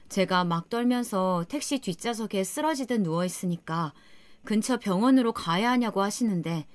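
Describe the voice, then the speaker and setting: A woman's voice: mid-range voice, a little mellow, no room sound. A woman narrating her own story in the first person, earnest and emotional.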